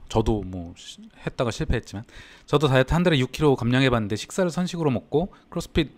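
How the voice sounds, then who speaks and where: Man, livestream host, business coach, casual chatty talk, lively rising and falling pitch. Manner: chatty, answers live chat, reads comments aloud.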